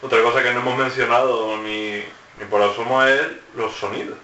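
A man's voice: medium pitch, steady tone, normal speed, bright, forceful tone. A man co-hosting a podcast, talking bluntly with crude humor. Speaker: podcast co-host. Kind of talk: casual roundtable chat. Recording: roomy, distant, dull lo-fi mic.

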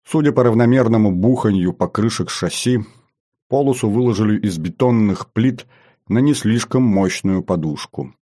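Low, mellow male audiobook narrator. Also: moderate pace. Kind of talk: first-person audiobook narration.

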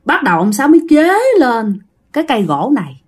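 A woman's voice: on the high side, big pitch swings, a little fast, slightly rough. A woman with a Southern Vietnamese accent telling a ghost story in a chatty way, talking to listeners. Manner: chatty, addressing listeners directly. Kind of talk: casual ghost story narration.

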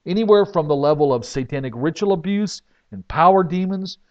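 A man preaching from the pulpit, his voice sitting a little high for a man. He tells his stories emphatically, surging loud and dropping low again. The recording is dull and lo-fi. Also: animated, brisk. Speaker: pastor. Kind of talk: sermon testimony.

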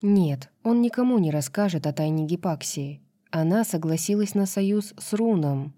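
A woman narrating a fantasy novel as an audiobook, reading in an even, measured way. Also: fairly low pitch, dry recording, studio quality.

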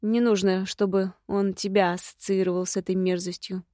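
A stern older woman, a grandmother who takes charge in firm, decisive words, voiced by a woman narrator. Her delivery stays level, with little change in pitch. The sound is dry and close. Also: level tone, normal speed, dark tone, no room sound, close to an everyday voice.

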